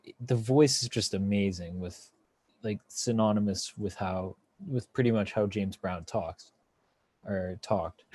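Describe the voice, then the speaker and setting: A man with a low, dark and mellow voice, chatting casually as a podcast host about films. He rambles with enthusiasm, full of fillers and restarts. The sound is dry and close. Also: no room sound. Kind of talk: casual film review chat.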